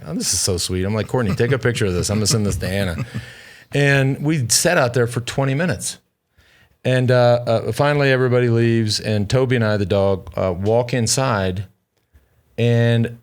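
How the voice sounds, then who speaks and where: A man with a lowish voice spins a casual story on a podcast, animated and rambling, swearing freely and restarting his sentences as he goes. He talks like he's among friends. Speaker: podcast co-host.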